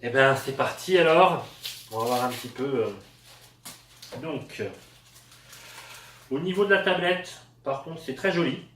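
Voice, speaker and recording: A man's voice: medium pitch, lively intonation, unhurried, long pauses, fairly bright tone, slight background noise. A man from France reviewing cheap store products in a casual, hesitant way, with lots of fillers. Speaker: product tester. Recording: echoey room, voice a bit far from the mic.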